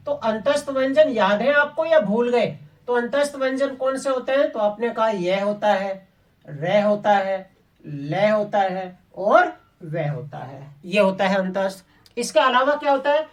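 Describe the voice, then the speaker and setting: A woman's voice: fairly high pitch, recorded from a distance. A woman teaching a Hindi grammar class online. She asks the class questions and answers them herself, often calling her listeners children.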